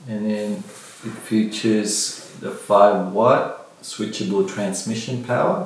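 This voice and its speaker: A middle-aged man with a fairly low, fry-laden voice gives a casual, vlogger-style unboxing as he reviews gear at a table. The bare-walled indoor room is very echoey, and the distant mic adds faint noise.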